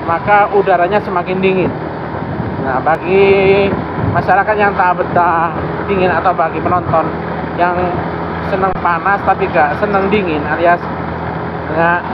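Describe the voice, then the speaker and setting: A man speaks in a high-pitched voice, muffled behind a face mask. He gives casual, piecemeal ride commentary outdoors on the road. The recording is dull and lo-fi, with very loud vehicle noise around him. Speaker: travel vlogger.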